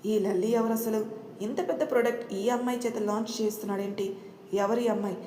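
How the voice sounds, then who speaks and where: A woman's voice: mid-range voice, a little fast, mellow, echoey room, slight background noise, natural voice. A woman voicing a vain young male film actor who talks in a smug, dismissive way.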